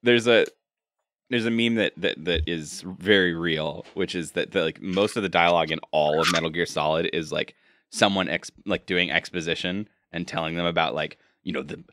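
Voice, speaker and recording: A man's voice: low voice, normal speed, sharp tone. A young man chatting casually and informally as a game stream host, rambling a little, close to the mic. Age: young adult. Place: small room indoors, home streaming setup. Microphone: close microphone on a boom arm.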